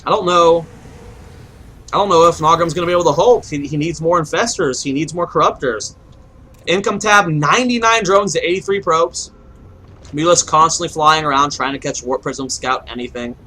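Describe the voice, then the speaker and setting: A man's voice: a little high, moderate pace, pushed and bright, slightly rough, low-quality recording. A young man giving solo play-by-play commentary on a strategy game match, rambling and thinking aloud with restarts. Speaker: game caster.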